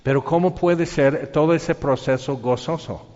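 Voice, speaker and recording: Animated Mexican preacher in a hall. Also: male voice, fairly high pitch, unhurried. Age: middle-aged. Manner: animated, colloquial storytelling with sound effects. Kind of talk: sermon. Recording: dull reverberant hall.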